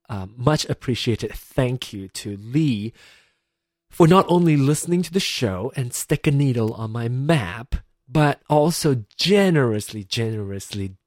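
A man's voice: medium pitch, darkish tone, no echo. Man from Malaysia, podcast host, 30s, casual rambling chat, giggly, dry close mic, home computer setup. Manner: chatty, giggly, rambling with many fillers.

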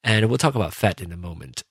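A man hosting a podcast, talking casually and reflectively about himself, often pausing and rephrasing as he thinks aloud. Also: low voice, a bit bright, husky, dry recording, studio quality. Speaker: podcast host. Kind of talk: casual reflective personal monologue.

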